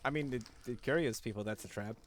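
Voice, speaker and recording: A man streaming a game, chatting and joking with a friend, quick to laugh. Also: medium pitch, a little hiss or hum. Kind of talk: casual livestream game chat.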